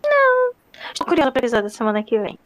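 A woman co-hosting a casual podcast, expressive and emphatic with playful exclamations. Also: on the high side, racing, a crowd in the background. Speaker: podcast co-host.

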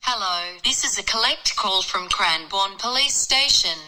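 A woman's voice: mid-range voice, animated, a little slow, sharp tone. A woman putting on a recorded collect-call operator, played back over a phone like a payphone announcement. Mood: formal. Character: female automated prison collect-call operator. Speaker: podcast co-host.

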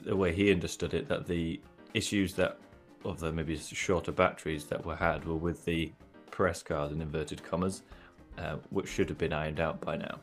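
A man's voice: extremely low pitch, fairly even intonation, normal speed, soft background music. A man co-hosting a car podcast in casual chat, rambling and joking with many restarts. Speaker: podcast co-host.

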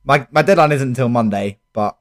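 A man's voice: mid-range voice, a little fast. A young man with a South London accent, co-hosting a sports podcast in casual chat. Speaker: podcast co-host.

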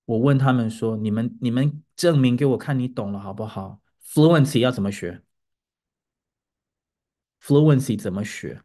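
Man, podcast host, English teacher, excited storytelling, sounds out words, voice climbs higher when thrilled. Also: moderate pace. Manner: animated storytelling, pitch rising as he gets excited; demonstrates English word intonation aloud. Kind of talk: casual podcast monologue.

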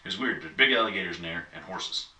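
A man tells a long, easygoing story full of asides in casual conversation, his deep voice bright and forceful with lively intonation and a fast pace. The mic is distant in an echoey room, with faint noise.

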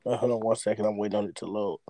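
A man co-hosting a casual podcast, speaking in a relaxed, halting way with fillers. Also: lowish voice, low-quality recording. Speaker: podcast co-host.

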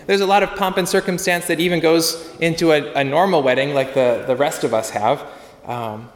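Preacher in a reverberant church. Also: male voice, on the high side, moderate pace. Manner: conversational, asks the congregation questions, some filler words. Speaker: pastor. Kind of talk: sermon. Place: church sanctuary.

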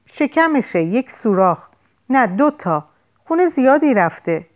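A woman's voice: medium pitch, animated, a little mellow, close to an everyday voice. A woman voicing a young woman who panics and pleads desperately over a wounded man, in an audiobook. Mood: panicked.

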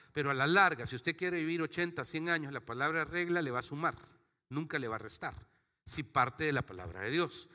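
A man's voice: fairly high pitch, sharp tone, in a large hall. A man, preaching a sermon as pastor in a conversational, joking way with little acted-out asides. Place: church sanctuary.

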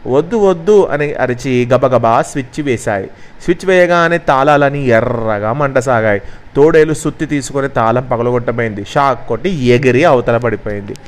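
A man narrating a children's story at a measured, expressive pace. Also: mid-range voice.

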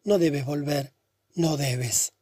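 A man reading the part of a pale, troubled young woman who speaks softly and sadly. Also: deep voice, slow pace, breathy edge, no echo, studio quality, exaggerated voice. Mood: pleading. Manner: soft, subdued and hushed.

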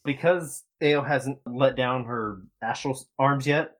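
A man's voice: mid-range voice, a little slow. A man chatting casually and joking as a player in a tabletop game.

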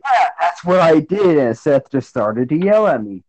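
A young man in casual call chat with friends, playful and mocking, firing off quick jabs. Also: on the high side, big pitch swings, a little mellow, no room sound, rough recording. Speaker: podcast co-host.

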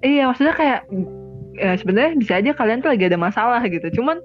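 A woman's voice: on the high side, lively intonation, fast. A young woman with a Jakarta accent chatting casually as a podcast co-host, acting out her own thoughts. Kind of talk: casual chat. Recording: slightly dull lo-fi sound with faint music.

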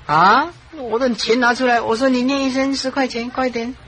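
A Buddhist monastic teacher gives a dharma talk, telling stories animatedly with frequent chuckles and repeated phrases. The voice is medium-pitched at a moderate pace, on a rough recording with a little hiss or hum.

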